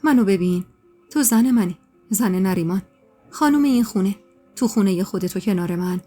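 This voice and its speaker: A woman's voice: mid-range voice, faint music behind, lightly acted. A woman voicing a tender loving husband. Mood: reassuring. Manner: soft, affectionate, soothing. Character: tender reassuring young husband, man.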